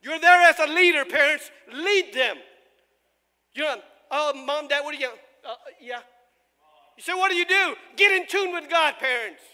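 A male pastor who grew up in the United States, preaching a sermon with impassioned, shouted emphasis and frequent stumbles. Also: very high-pitched, normal speed. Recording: long reverb of a large hall.

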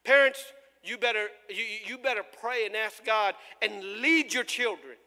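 A male pastor who grew up in the United States, preaching a sermon with impassioned, shouted emphasis and frequent stumbles. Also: high-pitched, normal speed. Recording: long reverb of a large hall.

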